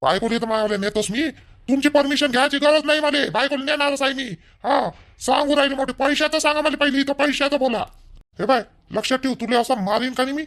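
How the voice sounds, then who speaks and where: A man playing an angry young son-in-law who demands money, shouting and rough. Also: very high-pitched, fast, hardly any pauses. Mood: furious.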